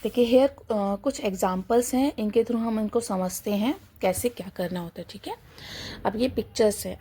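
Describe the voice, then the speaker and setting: A woman gives a kindergarten English lesson mixing Hindi and English, explaining slowly and patiently, asking questions she answers herself, and imitating animal sounds. Her voice is fairly high and a little mellow, with some vocal fry.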